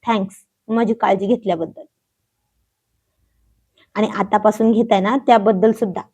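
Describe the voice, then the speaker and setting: A woman's voice: medium pitch, fairly even intonation, moderate pace, a little mellow, breathy edge, lightly acted. A woman voicing a bashful young woman who speaks coyly to her beloved. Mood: shy. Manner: shy, coy.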